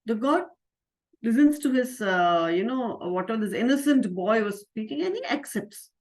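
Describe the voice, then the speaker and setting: A woman, a spiritual teacher telling a moral story to children, gentle and questioning with many fillers. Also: a little high, lively intonation, moderate pace.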